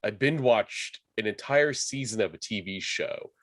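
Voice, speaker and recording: A man's voice: on the low side, lively intonation, measured pace, a bit bright, no room sound. Man hosting a casual podcast chat. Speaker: podcast host.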